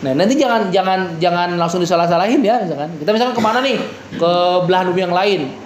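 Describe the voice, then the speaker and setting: A man's voice: high-pitched, expressive, fast. Chatty male Quran teacher, echoey room. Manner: chatty, explains with many fillers and examples. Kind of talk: casual Quran reading lesson with recitation.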